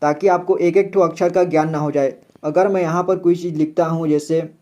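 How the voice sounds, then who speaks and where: A man teaching the Hindi alphabet in a slow, patient way, repeating each letter and its example word. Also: on the high side, fairly even intonation, mellow. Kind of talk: slow step-by-step alphabet lesson.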